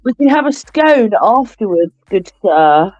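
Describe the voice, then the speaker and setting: A woman's voice: a little high, normal speed, creaky, warm tone, no echo. Woman doing a fake posh british lady voice, plummy and overly polite, muffled lo-fi audio. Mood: prim. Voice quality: exaggerated plummy tone.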